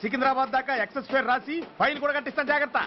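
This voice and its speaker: A curt bossy ticket checker. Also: male voice, very high voice, fairly even intonation, rapid-fire, very noisy. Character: stern male train ticket checker. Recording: dull lo-fi film soundtrack with music.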